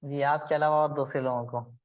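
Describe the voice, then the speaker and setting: A man's voice: on the high side, fairly even intonation, brisk, phone-quality sound. Man teaching Arabic grammar online. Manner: patient, explains step by step and quizzes students. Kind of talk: online class lesson.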